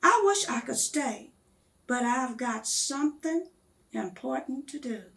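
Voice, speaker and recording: A woman's voice: high voice, animated, slow, vocal fry, fairly bright tone, far from the mic, full character voice. A woman voicing an eager, determined nine-year-old boy in a storybook, polite and earnest. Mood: friendly, regretful.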